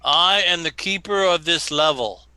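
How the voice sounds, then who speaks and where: A man voicing a gruff, blunt giant cyclops guard who bargains stubbornly in a tabletop game. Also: fairly high pitch, normal speed, pushed and bright, slight background noise.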